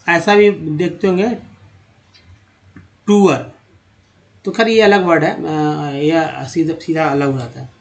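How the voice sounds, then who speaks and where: A man teaching English pronunciation over slides, drawing out and repeating sounds slowly so learners can copy them. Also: on the high side, gravelly, highs cut off. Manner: drawn-out, repeating words slowly to show pronunciation. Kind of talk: slide-based phonics lesson.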